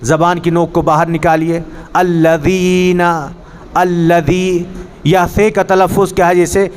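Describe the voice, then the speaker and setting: A man's voice: fairly high pitch, steady tone. A man teaching a Quran pronunciation class, earnestly correcting his students and demonstrating the Arabic sounds. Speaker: religious teacher. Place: mosque hall.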